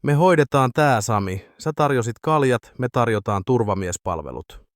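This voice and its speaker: A man's voice: medium pitch, expressive, no room sound, studio quality, natural voice. A man voicing a swaggering, boozy middle-aged drunk in an audiobook. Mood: cocky. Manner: cocky, swaggering.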